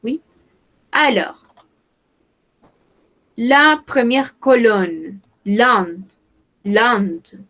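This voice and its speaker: Slow, careful female French teacher. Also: on the high side, lively intonation, a bit bright, rough recording. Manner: slow, careful, repeats words for learners. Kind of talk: online language lesson.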